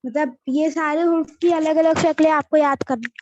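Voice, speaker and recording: A woman with a high, bright-toned voice walks children through the alphabet, saying each letter again and again. The sound is dry and dull, like a low-fi home recording. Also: fairly even intonation, normal speed, no echo. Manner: patient, repeats each letter name. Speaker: teacher.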